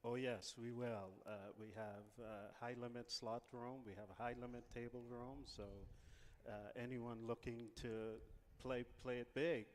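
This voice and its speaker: A man from the Bahamas, a casino executive answering interview questions in a relaxed way with many pauses. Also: mid-range voice, long reverb tail, a little hiss or hum.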